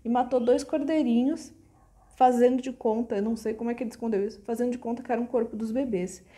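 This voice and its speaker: A woman with a Brazilian Portuguese accent retells an old folk tale in a casual, chatty way and wanders off into asides. Her voice sits somewhat high, with a mellow, soft tone. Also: fairly even intonation, quick pace. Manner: chatty and digressive, with frequent asides. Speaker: storyteller.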